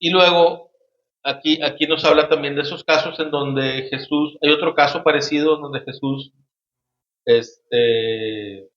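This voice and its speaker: A man hosting a casual Bible study discussion, speaking haltingly with many restarts and frequent tag questions. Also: a little high, fairly even intonation, a bit bright. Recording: roomy, dull lo-fi sound.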